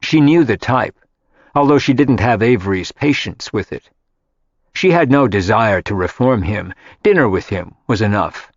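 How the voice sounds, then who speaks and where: A man narrating a contemporary drama audiobook in a steady storytelling voice. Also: lowish voice, normal speed, slightly rough, no room sound, highs cut off. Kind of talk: scripted narration.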